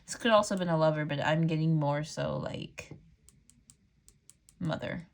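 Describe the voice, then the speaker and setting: A tarot reader gives a casual reading straight to her viewers in a low voice at normal speed. She's chatty and loose, laughs easily and fills her talk with "like" and "um".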